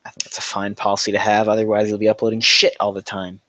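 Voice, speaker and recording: A man's voice: on the low side, completely flat delivery, fast talker, a bit bright, a little hiss or hum. A young man casually chatting on a livestream, telling rambling, profane stories and laughing through them. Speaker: livestream host answering chat questions.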